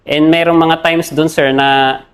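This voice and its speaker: A young man from the Philippines, an army officer, tells of his combat experience in an interview. His voice sits a little high for a man. He talks in halting bursts and tucks a respectful "sir" after almost every phrase. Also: flat delivery, clean tone. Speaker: army captain, interview guest.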